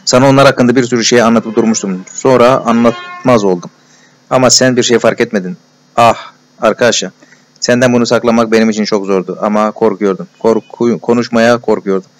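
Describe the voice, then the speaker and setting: A man voicing a shy, tender-hearted young male clerk who talks in emotional, confiding rushes, in a storybook reading. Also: medium pitch, steady tone, natural voice. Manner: emotional, breathless confiding, repeated endearments.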